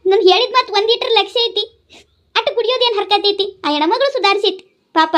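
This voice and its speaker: A woman's voice: high-pitched, very fast, lightly acted. A woman voicing an older widowed village mother who scolds and pleads with her drinking son, in a North Karnataka Kannada accent. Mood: tearful. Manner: nagging, pleading, tearful.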